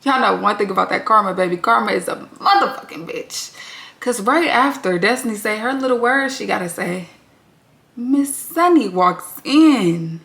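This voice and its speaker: A woman hosting a reality TV recap, talking bluntly and with plenty of profanity in an animated, candid way. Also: mid-range voice, moderate pace, vocal fry. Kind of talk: candid vlog commentary. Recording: roomy echo.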